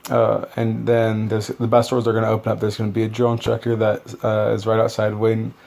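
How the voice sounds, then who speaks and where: Gravelly young man casually rambling. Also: on the low side, completely flat delivery, fairly quick, a little mellow. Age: young adult. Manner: rambling, loose, many fillers and restarts. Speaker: new Marine recalling boot camp. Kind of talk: casual storytelling vlog.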